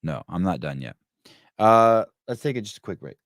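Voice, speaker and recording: A man's voice: sits low, sing-song, moderate pace, a bit bright, dry recording, clean studio sound. A man hosting a podcast in loose, casual interview chat, swearing freely and stammering on restarts. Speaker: podcast host.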